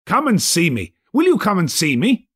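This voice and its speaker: A man's voice: sits high, wildly swooping pitch, a bit bright, slightly rough, pitched above the performer's own voice, exaggerated voice. A man voicing an elderly reformed miser for an audiobook, giddy and gushing with delight, drawing words out in exclamations. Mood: effusive, grateful. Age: older. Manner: exclamatory, drawn-out, gushing delivery. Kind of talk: dramatised audiobook character voice.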